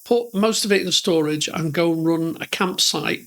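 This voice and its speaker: Speaking with vocal fry and a fairly high, slightly bright voice at a normal pace, a middle-aged northern English man appears as a podcast guest. He spins meandering stories that poke fun at himself.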